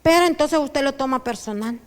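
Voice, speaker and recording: A woman pastor with a Honduran Spanish accent, preaching a sermon that swings between soft asides and loud declarations. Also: high-pitched, a little fast. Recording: church hall with long reverb.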